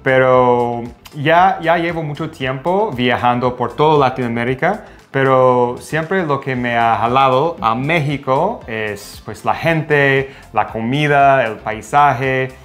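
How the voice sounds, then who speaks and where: A man in his forties from the United States with an American English accent, speaking learned Spanish in a relaxed, halting way as co-host, on a lapel mic in a home kitchen. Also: medium pitch, faint music behind. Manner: relaxed, halting, with fillers and restarts. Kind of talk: casual chat in learned Spanish.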